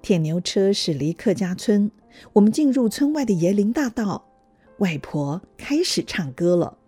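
A woman reading a children's story aloud in a gentle, even manner. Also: mid-range voice, measured pace, husky, dry recording, soft background music. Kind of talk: scripted storybook narration.

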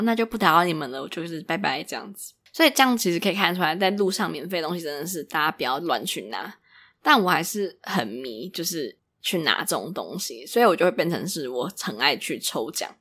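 A young woman speaks Mandarin with a Taiwanese accent, rattling through a casual story at a quick clip. Her voice sits fairly low and a little husky, yet it swings widely in pitch as she acts out the people she quotes. She sounds like a chatty solo podcast host. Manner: animated, mimics other people's voices in quotes.

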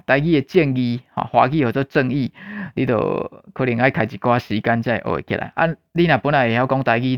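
A man from Taiwan giving a casual spoken language lesson, unhurried and repeating his points, often ending lines with a tag particle. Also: medium pitch, no echo. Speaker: language teacher. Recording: dull lo-fi dry recording.

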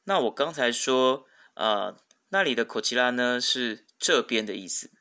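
A male teacher, talking at an unhurried, measured pace. His tone is bright and forward, and he patiently goes through vocabulary, repeating every term twice and filling pauses with short affirmations. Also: medium pitch, lively intonation. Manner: patient, repeats each word twice, frequent "hao" fillers. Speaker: Japanese language teacher. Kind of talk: podcast vocabulary lesson.

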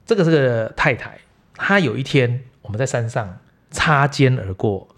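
A man, hosting a podcast and telling lively stories from his massage practice. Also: medium pitch, moderate pace. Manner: lively anecdotal storyteller. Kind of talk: casual storytelling chat.

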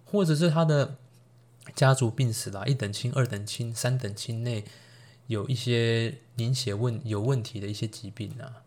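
A man's voice: medium pitch, normal speed, a little mellow. A man with a Taiwanese Mandarin accent, a doctor hosting a solo health podcast, explaining medical topics in a casual, chatty way with playful jokes and asides. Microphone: solo podcast recording.

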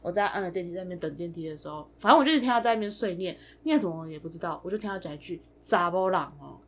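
A young woman with a Taiwanese Mandarin accent, a podcast co-host telling stories in casual chat, animated and cursing, slipping into Hokkien. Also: lowish voice, very fast. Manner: animated, swears, slips into Hokkien.

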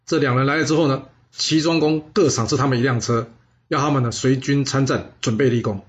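A man narrating a historical story in a lively, dramatic way. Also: mid-range voice, fairly quick.

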